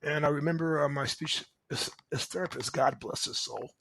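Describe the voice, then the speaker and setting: Gravelly, husky man telling his story. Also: on the high side, normal speed, dry recording. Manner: animated, conversational, chuckles often, asks "right?". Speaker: podcast host. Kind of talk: personal storytelling monologue.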